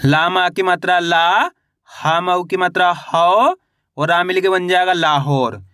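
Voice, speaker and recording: A man's voice: high-pitched, fairly even intonation, a little slow, pushed and bright, clean tone, no echo, clean studio sound. A man teaching a step-by-step reading lesson, asking questions and answering them himself while drawing out each sound.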